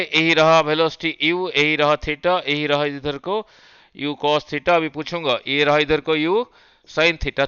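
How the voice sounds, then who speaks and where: A man's voice: a little high, bright, forceful tone, clear, resonant tone, no echo, lo-fi sound. A man teaching physics revision in Hindi mixed with English terms, quizzing his students with repeated checks as he works through diagrams. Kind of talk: fast exam revision lecture.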